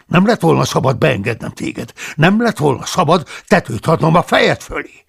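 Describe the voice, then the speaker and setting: A man's voice: fairly high pitch, big pitch swings, gravelly, slightly rough, voice pushed up, exaggerated voice. A man voicing a stern, indignant older male abbot who scolds and blusters, in an audiobook reading. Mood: furious scolding. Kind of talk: audiobook character voice.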